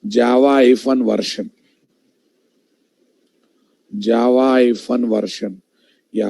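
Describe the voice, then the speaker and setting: A male programming instructor with a Telugu Indian accent leads a live online lesson. His voice is mellow and gravelly, caught dry and close. He repeats himself for emphasis and keeps putting questions to the class. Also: mid-range voice, no room sound, poor audio. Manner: repeats phrases, checks in with questions, addresses students directly.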